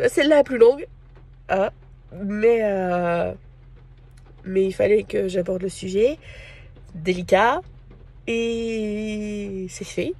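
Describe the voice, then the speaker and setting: A woman from France talking casually to camera in a personal vlog, hesitant and full of pauses and fillers. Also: mid-range voice, creaky, mellow. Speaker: vlogger.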